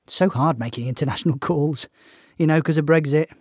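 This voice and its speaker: A man's voice: on the high side, a little fast, a little mellow, no echo, studio quality, lightly acted. An actor playing a cheerfully oblivious, eager man in a comedy audio drama. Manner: cheery, naive. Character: Michael, cheerfully oblivious, eager male theatre company member.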